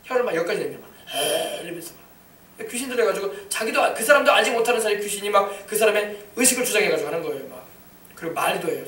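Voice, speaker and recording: A male pastor preaching with a high voice and a fast, driving pace, breaking into shouted commands. He is recorded from some distance in a roomy, echoing church, with faint noise underneath. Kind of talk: sermon.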